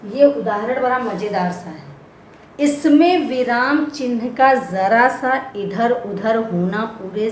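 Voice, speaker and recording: A woman teaching a grammar lesson for children, speaking slowly and patiently and repeating each example word one at a time. Her voice sits at an ordinary pitch for a woman. The recording is echoey, with faint noise behind it. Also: a little mellow.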